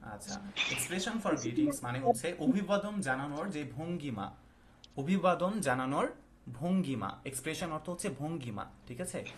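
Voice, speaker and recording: A male English teacher, explaining slowly and asking the class questions. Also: fairly high pitch, expressive. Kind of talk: classroom lesson.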